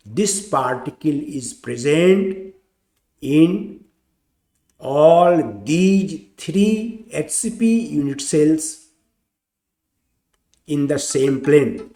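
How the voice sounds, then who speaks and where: A man teaching chemistry in a slow, deliberate lecture, repeating each point step by step. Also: fairly high pitch, lively intonation, dark tone, echoey room.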